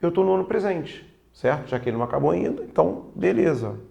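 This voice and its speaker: Gravelly Brazilian grammar teacher. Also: male voice, fairly high pitch, lively intonation, dark tone, dull audio. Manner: casual, peppered with "ó", slows down for key points. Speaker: Portuguese teacher. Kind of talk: online exam-prep grammar lesson.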